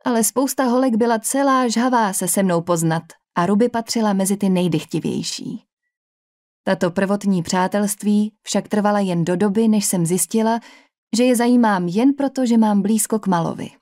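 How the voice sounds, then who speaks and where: A woman reads a novel aloud in the first person, speaking Czech with a native accent. She keeps the telling even and measured, in a voice of ordinary middle pitch for a woman. It is a steady audiobook narration.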